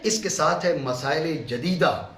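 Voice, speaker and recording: A middle-aged man from Pakistan teaches a class of students, emphatic and repetitive, often pausing to check that they follow. His voice sits high for a man. The room is echoey, with a faint hum underneath. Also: a bit bright. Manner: emphatic, repeats key terms and checks with "ٹھیک ہے؟". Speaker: mufti teaching a course. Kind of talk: classroom lecture.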